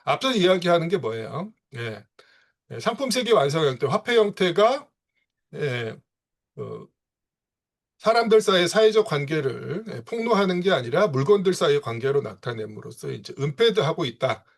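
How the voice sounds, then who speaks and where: Male seminar lecturer on a video call, slightly high voice with a widely swinging pitch, filler-heavy, asks rhetorical questions. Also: very animated, moderate pace, creaky. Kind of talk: online reading-seminar lecture.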